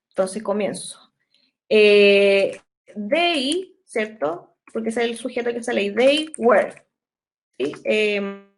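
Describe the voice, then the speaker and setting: A young woman teaching English grammar in an online class, explaining patiently step by step and slowing down to dictate sentences. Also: on the high side, poor audio.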